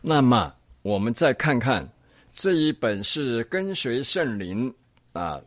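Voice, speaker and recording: An older man teaching a Bible course in an unscripted church lecture, speaking slowly and deliberately, often restarting his sentences and stretching out words as he reads passages aloud. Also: medium pitch, big pitch swings, dry recording. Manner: frequent restarts and hesitations.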